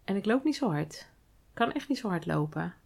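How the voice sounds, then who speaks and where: A woman hosting her own podcast, talking in a calm, thoughtful and explanatory way in a reflective solo monologue. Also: medium pitch, normal speed, vocal fry. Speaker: podcast host and hospital clown.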